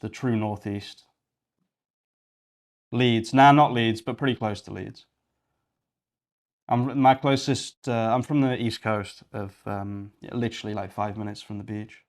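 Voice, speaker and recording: A young Yorkshireman hosts a coding livestream with a lowish voice and flat delivery at a normal pace. He's casual and rambling, thinking aloud while he clicks around.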